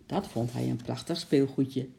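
A reader narrating a children's storybook aloud in a calm, even way. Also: medium pitch, normal speed, gravelly, a little hiss or hum.

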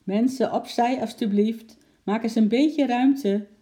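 A bossy police officer barks at the crowd to move aside, his voice pushed up high and loud as a man acts him out. The tone stays dark and mellow, a storybook officer who is used to being obeyed. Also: normal speed, close to an everyday voice. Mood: shouting orders. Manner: shouting orders.

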